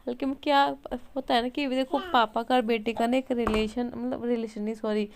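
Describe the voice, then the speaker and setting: A woman's voice: a little high, little pitch movement, fairly quick, clear, resonant tone. A young woman chatting casually in a home vlog at night, rambling with fillers and self-corrections as she talks about her children. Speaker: vlogger and mother.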